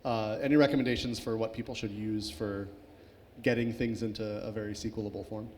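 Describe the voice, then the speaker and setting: A man's voice: fairly low pitch, steady tone, a little fast, a little mellow. A man moderating a conference Q&A, reading out questions casually with many fillers. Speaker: session moderator. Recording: reverberant hall, faint background noise.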